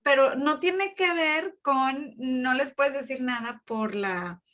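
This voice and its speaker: A woman's voice: sits high, takes it slowly, a bit bright. Woman, radio host, interview, conversational, sums up. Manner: conversational, sums up and adds examples.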